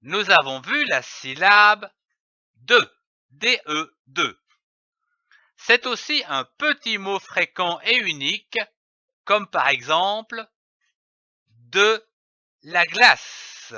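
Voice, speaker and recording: A man giving a scripted reading lesson, spelling letters and syllables out slowly and clearly. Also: sits high, very animated, bright, forceful tone, no room sound. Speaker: reading teacher. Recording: dull, slightly lo-fi audio.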